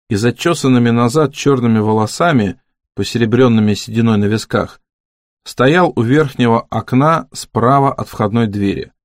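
A man reading an audiobook in a measured, steady narrating voice. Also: mid-range voice, no room sound, clean studio sound. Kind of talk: scripted narration.

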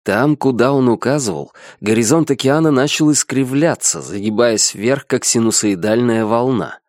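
A man reading a science fiction story as a steady audiobook narrator. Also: medium pitch, dry recording, clean studio sound. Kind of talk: scripted narration.

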